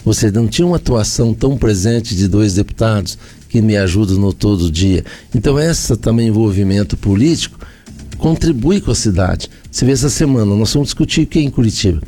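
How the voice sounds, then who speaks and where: A man's voice: fairly low pitch, lively intonation, a little fast, warm tone. A man with a Brazilian accent, a mayor answering in a radio interview, explaining and listing points with repeated phrases.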